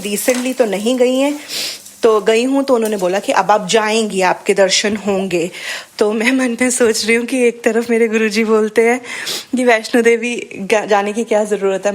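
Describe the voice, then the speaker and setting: A woman with a somewhat high voice tells a personal devotional story in an earnest, heartfelt way. She talks to the congregation directly and often slips into English phrases mid-sentence. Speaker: devotee sharing an experience. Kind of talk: personal testimony at a satsang.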